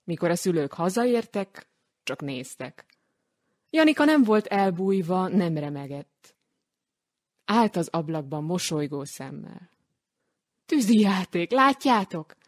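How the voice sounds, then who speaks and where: A woman reading a children's story aloud in a gentle, expressive grandmotherly way. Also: on the low side, no room sound, clean studio sound. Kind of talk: audiobook storytelling.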